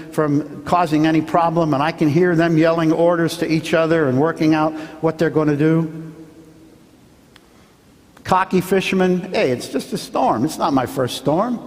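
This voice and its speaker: A man, a pastor, preaching a sermon as he tells a story, now and then acting out the shouts of the people in it. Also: fairly high pitch, long reverb tail. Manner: storytelling, acts out the fishermen's shouts. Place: church sanctuary.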